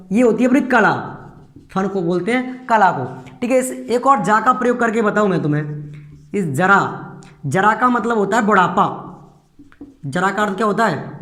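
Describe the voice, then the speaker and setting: A man's voice: high voice, fairly bright tone, reverberant. A man teaching a grammar lesson, explaining step by step and asking his students rhetorical questions. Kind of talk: classroom lecture.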